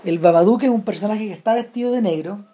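A woman's voice: mid-range voice, fast talker, warm tone. A woman with a Chilean accent, talking casually about a film, hesitant with many restarts. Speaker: film commentator.

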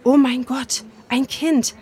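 Woman reading a gentle rich young lady, mild and timid, fairly high voice. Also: steady tone, slow, slight background noise. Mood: gentle kind. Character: gentle young wealthy woman, kind and anxious.

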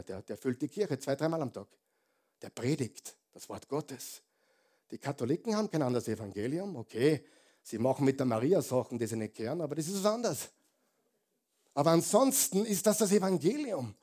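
A man preaching a sermon as a pastor, emphatic and animated, throwing rhetorical questions to the congregation. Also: medium pitch.

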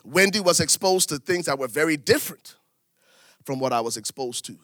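Liberian-born preacher with a bright, forceful voice. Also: male voice, lively intonation, brisk, no echo. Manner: preaching with big swings in pitch and volume, repeating phrases for emphasis. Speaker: pastor. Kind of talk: sermon.

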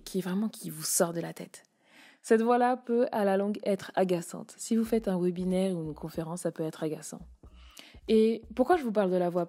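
A woman's voice: medium pitch, mellow. A woman giving a casual spoken lesson on using the voice, switching between chest, mask and head voice to demonstrate. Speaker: voice coach.

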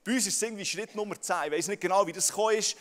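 High-voiced Swiss preacher in a big hall. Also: male voice, very fast. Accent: Swiss German. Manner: stammers on repeated words, addresses crowd directly. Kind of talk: sermon. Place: large hall with audience. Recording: long hall reverb.

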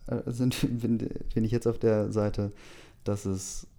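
A man's voice: lowish voice, flat delivery, slow pace, mellow. A man casually reading a story aloud, hesitant, with many fillers. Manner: hesitant, many fillers, laughs between lines. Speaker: story reader.

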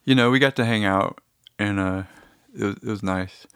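A man's voice: fairly low pitch, normal speed, a bit bright, clean tone, no room sound, studio quality. A man talking to his audience in a casual, meandering, easygoing monologue.

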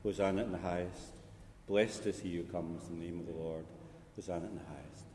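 Deep priest with cathedral echo. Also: male voice, steady tone, warm tone, a little hiss or hum. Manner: measured, solemn, prayerful delivery. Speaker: priest celebrating a funeral Mass. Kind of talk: liturgical recitation. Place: large church. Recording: long reverb in a large church, faint ambience.

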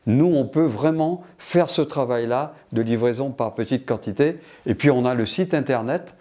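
A man's voice: mid-range voice, moderate pace, mellow. An older man from Martinique answering interview questions about his business, hesitant with many restarts.

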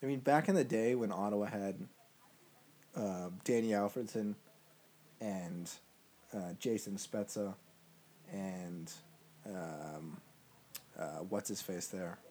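A man's voice: on the low side, slow pace, pauses often, mellow. A man co-hosting a casual podcast, rambling loosely and losing track of names as he talks. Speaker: podcast co-host. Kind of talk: casual sports chat.

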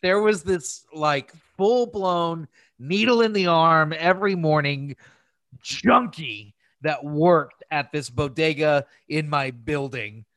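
On a laid-back conversational podcast, a male host spins meandering, profane stories. His voice is on the high side and fairly bright, slow in delivery, with no room sound.

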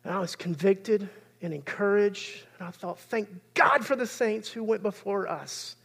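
A man's voice: high voice, vocal fry, husky. A man, preaching a sermon as pastor in an earnest, conversational way.

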